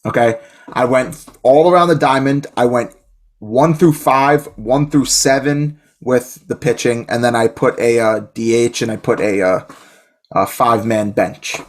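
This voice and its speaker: This is a man chatting casually as a podcast co-host, excitable and rambling, often restarting his sentences. His pitch sits in an ordinary middle range for a man. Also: a little slow. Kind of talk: casual chat.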